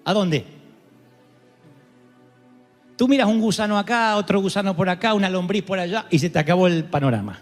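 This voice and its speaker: A pastor preaches with passion in a high-pitched voice, moving between cries and hushed, slow emphasis. His sermon is recorded live in a large church hall with a long, echoing reverb. Faint music plays behind him. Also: lively intonation. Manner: impassioned preaching, swinging from shouts to soft, slow emphasis.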